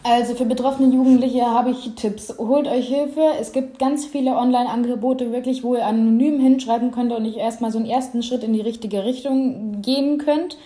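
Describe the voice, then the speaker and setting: A young woman answers interview questions with earnest conviction and speaks openly from her own experience. Her voice sits fairly high and sounds mellow rather than bright. The room around her rings with a noticeable echo. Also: fairly even intonation, a little fast, few pauses. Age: young adult. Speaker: interview guest. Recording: roomy echo.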